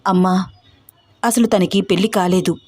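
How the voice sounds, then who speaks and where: A troubled young man pleads anxiously and tries to calm things down, read by a woman narrator. His voice stays close to the reader's own. It is a storybook reading. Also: on the low side, moderate pace, no echo, faint music behind, natural voice. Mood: pleading.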